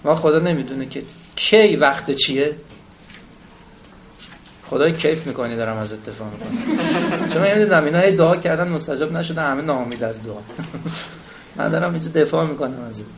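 A man delivers a religious lecture, reciting scripture and then explaining it in plain, self-deprecating talk. He often turns to the audience with questions. His voice sits fairly high, and the recording is dull and lo-fi. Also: lively intonation, pauses often, slight background noise. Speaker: cleric lecturer.

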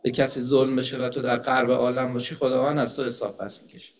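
A man's voice: mid-range voice, little pitch movement, lightly acted. A man voicing a bold, witty holy fool who answers a ruler fearlessly, inside a story in a lecture.

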